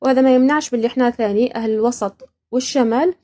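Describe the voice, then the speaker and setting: A woman's voice: a little high, very fast, dark tone. A woman from Iraq hosting a podcast, casually explaining words and laughing often between points. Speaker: podcast host.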